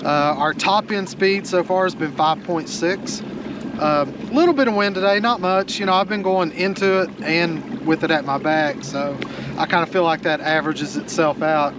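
A man's voice: fairly high pitch, moderate pace, background noise. Chatty man vlogging from a kayak. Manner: relaxed, chatty, lots of "uh" fillers. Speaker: fishing channel host. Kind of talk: casual vlog to camera. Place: outdoors on a kayak on a small lake. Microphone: action camera mounted close in front.

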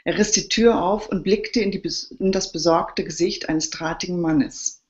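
A woman, the author, reading her crime novel aloud live in a steady narrating voice. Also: on the low side, moderate pace, highs cut off.

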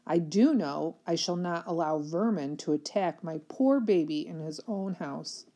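A woman's voice: lowish voice, a little slow, warm tone. A woman voicing a haughty middle-aged foster mother who scolds in stiff, formal words. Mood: scornful. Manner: formal, scolding, lofty diction.

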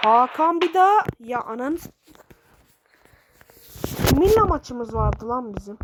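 A woman giving excitable, swearing commentary while playing a football video game, shouting at her players. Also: high voice, unhurried. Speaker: gaming streamer. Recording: loud background noise with clicks.

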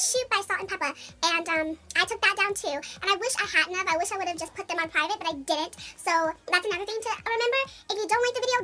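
Squeaky sped-up squirrel-voiced woman. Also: pushed and bright. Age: 20s. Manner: rambling, giggly, full of likes and ums. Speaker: beauty vlogger giving channel tips. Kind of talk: casual chatty vlog.

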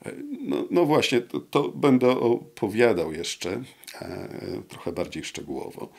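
A man in his sixties, an interview guest, explaining history at a measured pace with many hesitant fillers, recorded on a lapel mic in a studio room. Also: medium pitch, very animated, vocal fry. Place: wood-panelled studio room with brick wall.

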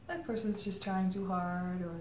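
A woman's voice: mid-range voice, steady tone, a little mellow. Thoughtful woman, roomy sound. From Czech Republic. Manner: thoughtful, pauses with many "um"s. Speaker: marketing head interviewed as guest. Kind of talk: reflective interview answers. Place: indoor room against a plain grey backdrop. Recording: roomy echo, faint ambient noise.

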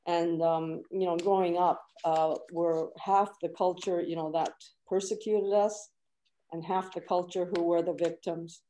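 An older woman speaking on a video call in a measured, searching way, from a small room at home. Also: fairly low pitch, steady tone, mellow, a little hiss or hum, poor audio. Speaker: co-author and illustrator. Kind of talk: reflective talk on a video call. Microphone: video call webcam.

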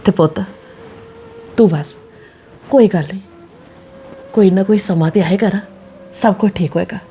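A woman's voice: medium pitch, normal speed, dark tone, slight background noise, lightly acted. A woman with a Punjabi accent playing a worried mother who pleads earnestly with her married daughter. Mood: pleading. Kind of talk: family drama acting.

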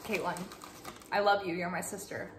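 A woman's voice: lowish voice, steady tone, moderate pace, a bit bright, a little hiss or hum. A young woman chatting casually and jokingly to her viewers as a vlogger, swearing freely. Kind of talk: casual chat.

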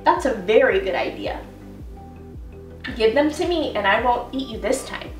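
A woman's voice: on the high side, expressive, moderate pace, reverberant, distant mic, soft background music, close to an everyday voice. A woman voicing a vain male tiger who talks in a boastful, haughty way in a storybook reading.

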